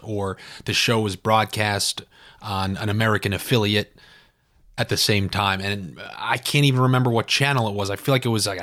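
A man's voice: fairly low pitch, fairly bright tone, dry recording, clean studio sound. Sarcastic New man ranting. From New York. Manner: sarcastic, ranting, self-deprecating. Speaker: podcast host. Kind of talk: solo comedic podcast monologue.

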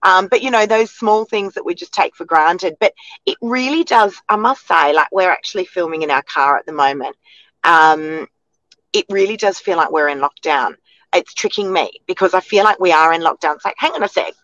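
A woman in her forties with an Australian accent, a real estate co-host chatting warmly and emotionally with lots of fillers, filmed in a car. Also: lowish voice, normal speed, dry recording, dull audio. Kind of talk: casual chat. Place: in a parked car.

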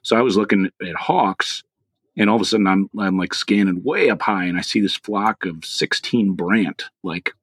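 Deep-voiced man chatting about birds. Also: normal speed, dry recording. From Philadelphia area, US. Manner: rambling, many fillers and restarts. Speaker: podcast co-host. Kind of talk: casual birding chat.

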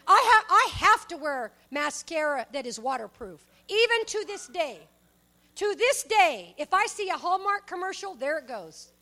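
A middle-aged woman delivers a sermon in a high, bright voice. She tells stories with animated energy, jumping from loud exclamations to quiet asides. She laughs often as she preaches. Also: moderate pace.

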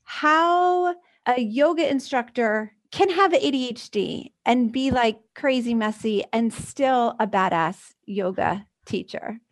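Upbeat life-coach woman, high creaky voice. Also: slow, few pauses. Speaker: podcast host and life coach. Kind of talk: podcast intro and chatty direct address to listeners.

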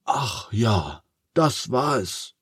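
A bumbling, forgetful wizard, as a man puts him on, in a somewhat raised, lively voice. He drags out his spell chants and sounds muddled, recorded close and dry. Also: medium pitch, drawn-out words, breathy edge, dry recording, pitched above the performer's own voice, full character voice. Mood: puzzled. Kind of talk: storybook reading.

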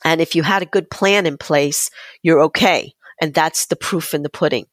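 Woman guest on a podcast, deep-ish low voice, explains stuff plainly and with emphasis, really dry recording. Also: normal speed, dry recording. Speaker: financial advisor, interview guest. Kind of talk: conversational interview advice.

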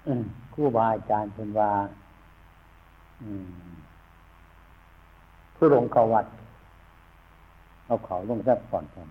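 A husky-voiced man with an Isan Thai accent gives an informal Dhamma talk, wandering from point to point in a folksy way and humming as he thinks. The sound is thin and phone-like, as if it came down a telephone line. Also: lowish voice, takes it slowly, long pauses. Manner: rambling, folksy, frequent thinking hums. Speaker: Buddhist monk teaching new monks. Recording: tinny phone-like recording.

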